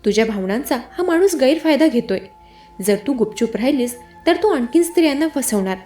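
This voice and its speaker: A woman's voice: sits high, lively intonation, brisk, dark tone, faint music behind. A woman voicing a firm, outspoken woman friend who urges her to report a crime. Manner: firm, direct.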